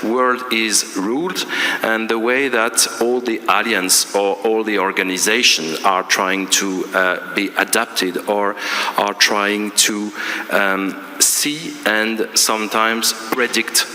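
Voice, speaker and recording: Bright-voiced man on a panel. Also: on the low side, fairly even intonation. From Belgium. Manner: halting, many fillers, searching for words. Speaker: panelist, international relations lecturer. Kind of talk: conference panel remarks. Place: large conference hall. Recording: reverberant conference hall.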